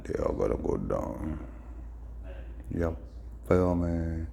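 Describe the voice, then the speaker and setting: Very deep, gravelly Rasta man. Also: sing-song, slow, mellow, a little hiss or hum. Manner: Rasta speech with patois and frequent tag phrases. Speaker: host. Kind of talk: casual rambling vlog monologue in Rastafarian speech.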